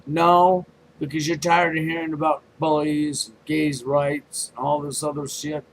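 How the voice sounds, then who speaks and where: A man's voice: a little high, flat delivery, measured pace, a little hiss or hum, low-quality recording. A man giving a sarcastic ranting commentary, full of rhetorical questions and repetition. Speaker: video commentator.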